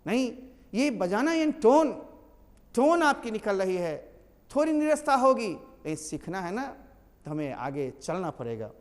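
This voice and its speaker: Animated high-voiced teacher. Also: male voice. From Bihar, India. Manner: animated, repeats and corrects, spells letters aloud. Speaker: English teacher. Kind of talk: classroom lesson on silent letters. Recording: long hall reverb.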